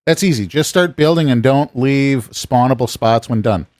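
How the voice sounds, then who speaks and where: A man's voice: mid-range voice, normal speed, a little mellow, no echo, studio quality. An American man chatting casually while streaming a game, rambling and musing aloud as he plays. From United States. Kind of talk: casual gameplay chat with chat.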